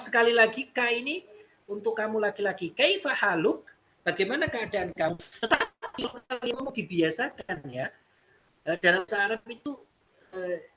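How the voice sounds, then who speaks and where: A man's voice: sits high, sharp tone, a little hiss or hum. A man teaching an Arabic lesson, explaining step by step and repeating phrases. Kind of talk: classroom lesson.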